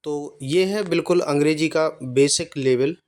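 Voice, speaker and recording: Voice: mid-range voice, measured pace, darkish tone. A teacher from India giving a beginner language lesson, spelling each word letter by letter, repeating it and explaining it patiently. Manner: patient, explanatory classroom delivery. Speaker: English teacher.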